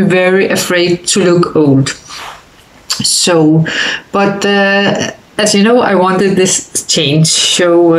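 A Danish woman in her fifties vlogs casually to camera from her bedroom, speaking with a Danish accent. Her voice is fairly low, and she sounds hesitant, with many fillers and restarts. The recording is rough.

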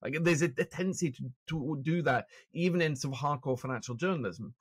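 Here the Norwegian guest, a man in his forties with a British accent, sounds fairly high-pitched, husky and fairly quick, in studio-quality audio with no room sound. An author and finance journalist, he chats self-deprecatingly with many restarts in a video-call podcast interview from a home room with shelves, using a podcast mic on a stand.

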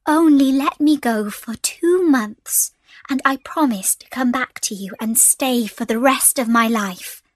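Woman reads a soft-spoken, earnest young storybook heroine, fairly high voice. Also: unhurried, no room sound. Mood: earnest, gentle. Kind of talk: storybook reading.

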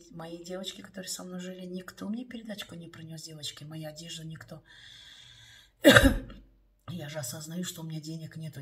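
Chatty low-voiced woman vlogger, mic at a distance. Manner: chatty, confiding, keeps calling viewers "girls". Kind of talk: storytelling to viewers.

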